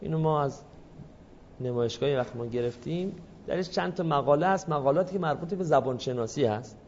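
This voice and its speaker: A man with a slightly raised pitch lectures a class, explaining each point in a measured, patient way and turning now and then to address his listeners. The sound is a dull, muffled lo-fi recording. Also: darkish tone, slight background noise. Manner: measured, explanatory, addresses the audience politely and answers questions.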